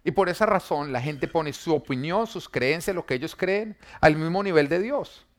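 A man, preaching an emphatic sermon that swings between loud and quiet, full of rhetorical questions and humor for the congregation. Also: fairly high pitch, animated, moderate pace. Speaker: pastor.

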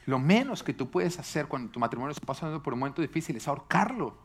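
A man's voice: on the high side, fast. A man preaching a sermon to a congregation, asking them questions and joking along the way. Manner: lively, asks the congregation questions, jokes.

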